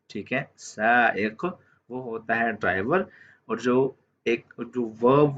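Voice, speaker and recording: A man gives a calm, unhurried vocabulary lesson at a mid pitch. He says each new word twice and pauses to check in with the listener. His voice-over sounds a little dull and lo-fi. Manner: repeats each word slowly, often says "theek hai". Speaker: language teacher. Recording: dull lo-fi audio.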